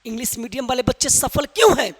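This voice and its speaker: A man teaching English pronunciation in a loud, emphatic classroom manner, quizzing his viewers with repeated questions. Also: extremely high pitch, lively intonation, fast, slightly rough, in a large hall. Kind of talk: classroom lesson in Hindi with some English.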